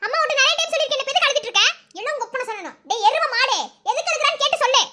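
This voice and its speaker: A woman with a Madurai Tamil accent voicing a sharp-tongued young village wife in a cartoon, teasing and scolding. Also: very high-pitched, racing. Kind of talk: cartoon voice acting.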